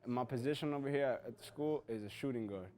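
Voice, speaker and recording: A young man from New Jersey, a college basketball player, giving an earnest, slightly halting scripted self-introduction. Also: mid-range voice, a little mellow. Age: young adult.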